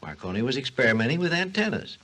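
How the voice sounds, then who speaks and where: A man portrays a wise, patient scientist guesting on a 1940s science radio show, teaching history through a scripted, story-like lecture. He talks fast at a medium pitch with big swings and a fairly bright tone, heard through a husky vintage recording.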